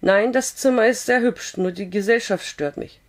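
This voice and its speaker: A hoarse woman voicing a proud, stubborn young immigrant bride who speaks in a prim, indignant way. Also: mid-range voice, normal speed, lightly acted. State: hoarse with a cough.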